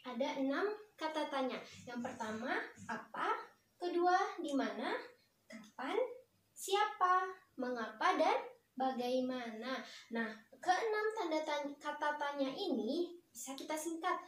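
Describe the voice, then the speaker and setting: Young woman teacher, high voice, encouraging, slow and clear, echoey classroom, distant camera. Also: animated, fairly bright tone, slight background noise. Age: young adult. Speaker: student teacher. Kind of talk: classroom lesson for young children. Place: primary school classroom. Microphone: far camera.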